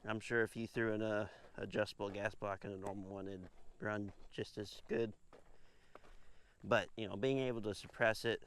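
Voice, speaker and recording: A man hosting a casual shooting vlog outdoors, talking in a relaxed, rambling way with lots of fillers. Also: on the low side, smooth. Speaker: firearms channel host.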